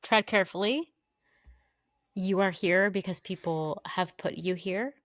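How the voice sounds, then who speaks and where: A young woman co-hosting a casual recap podcast, chatting quickly and acting out quotes in a raised voice. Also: mid-range voice, a bit bright, no echo, clean studio sound. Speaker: podcast co-host.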